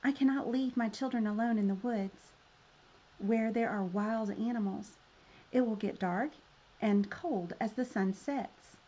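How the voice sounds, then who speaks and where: Woman reading a worried, soft-hearted woodcutter father. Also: on the high side, unhurried, dull audio. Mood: anxious, pleading.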